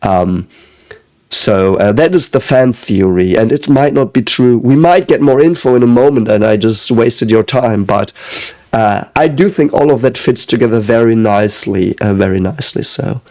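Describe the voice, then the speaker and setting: A man from Germany talks through an anime reaction in a mid-range, darkish voice at a moderate pace. He rambles and hesitates a lot, packs in fillers and swears often.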